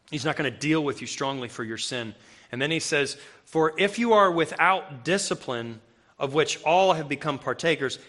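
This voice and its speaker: A man's voice: on the high side, sharp tone. A man preaching a conversational sermon to a room of listeners, reading scripture and breaking into emphatic, raised outbursts. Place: room with a live audience.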